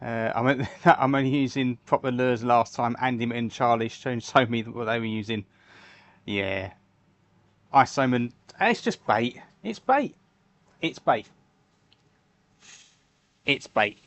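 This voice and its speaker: A man's voice: medium pitch, fairly even intonation, measured pace, long pauses, a bit bright. A man hosting a live stream, chatting casually and answering viewer comments while he makes fishing lures. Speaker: livestream host making fishing lures.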